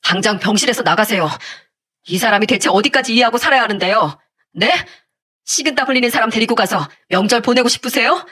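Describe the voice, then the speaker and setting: A woman's voice: fairly high pitch, fast talker, sharp tone. A woman voicing an earnest middle-aged husband who talks to his wife in a pleading, heartfelt way, in a storybook-style telling. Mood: angry. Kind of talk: storybook narration with acted voices.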